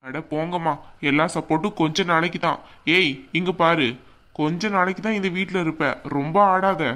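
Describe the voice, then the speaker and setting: A woman's voice: sits low, fairly even intonation, moderate pace, fairly bright tone. Scornful cartoon husband, voiced by a woman. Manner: taunting, contemptuous. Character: arrogant young husband, scornful and quarrelsome. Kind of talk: cartoon voice acting.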